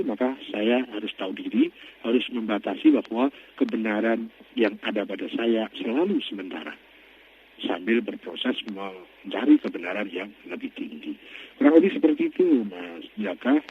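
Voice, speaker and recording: A man answering a caller on a radio talk show, speaking in a thoughtful, measured and self-deprecating way. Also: lowish voice. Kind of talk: reflective call-in radio talk. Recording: tinny phone-line audio with faint noise.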